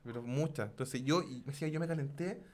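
A man's voice: medium pitch, fast talker. A man with a Chilean accent co-hosting a casual podcast chat, teasing and joking and laughing often. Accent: Chilean Spanish. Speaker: podcast co-host. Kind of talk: casual chat about board games.

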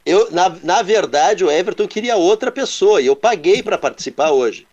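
Animated man telling stories. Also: high-pitched, normal speed, highs cut off. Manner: animated, onomatopoeic storytelling. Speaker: co-host. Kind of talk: casual storytelling chat.

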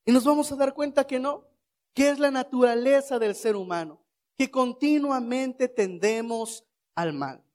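A man preaching a sermon, asking rhetorical questions and leading the congregation in shouted responses. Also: very high voice, measured pace.

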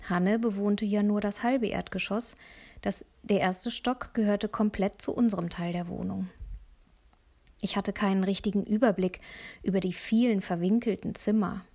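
A woman narrating a children's audiobook in the first person, lively, with soft breathy asides. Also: mid-range voice.

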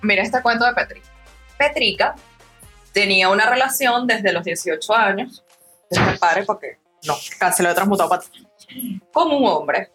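A woman hosting a podcast in a studio, telling a story in an animated way and acting out the people in it. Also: medium pitch, normal speed, long pauses, faint music behind. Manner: animated storyteller, acts out quoted voices. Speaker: podcast host.

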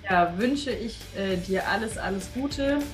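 A woman's voice: mid-range voice, animated, unhurried, roomy sound, soft background music. A German-speaking woman hosting a casual podcast interview, laughing often and talking with plenty of fillers. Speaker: podcast host.

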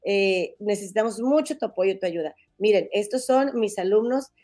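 A woman's voice: mid-range voice, lively intonation, normal speed, dark tone. A woman from Monterrey with a northern Mexican accent, hosting a casual gossip podcast in a chatty, folksy way. She sounds nasal and stuffy from a head cold. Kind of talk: casual chat.

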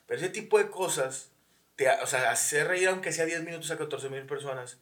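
A man with a higher voice, a stand-up comedian chatting loosely in slang with the host. He chimes in often with quick agreements. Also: fairly bright tone. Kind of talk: casual chat.

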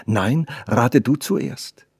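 A man reading the part of a shy young woman in love, speaking softly, almost in a whisper. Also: mid-range voice, drawn-out words, gravelly, breathy edge, no echo, studio quality, voice pushed up, heavily acted. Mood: playful. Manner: soft, hushed, near whispering.

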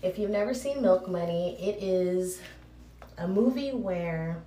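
A woman's voice: on the low side, lively intonation, a little slow, dark tone, distant mic. A woman rambling informally as a podcast host, with playful asides and a cave-like echo from a bathroom. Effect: cave-like echo from the room. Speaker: podcast host recommending movies. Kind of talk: casual chat. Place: bathroom, on location. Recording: echoey cave-like bathroom, noisy.

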